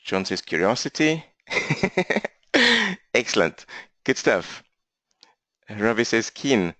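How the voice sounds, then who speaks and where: Fast-talking South African coach, dry sound. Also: male voice, on the low side, no echo. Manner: fast-talking, energetic, interactive. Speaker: business coach for accountants. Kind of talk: live online training webinar. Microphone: laptop mic.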